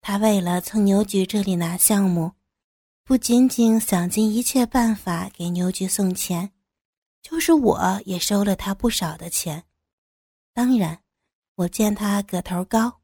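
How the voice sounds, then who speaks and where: Breathy woman narrating a story. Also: medium pitch, a little mellow, no room sound, clean studio sound. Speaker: audiobook narrator. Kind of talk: first-person story narration.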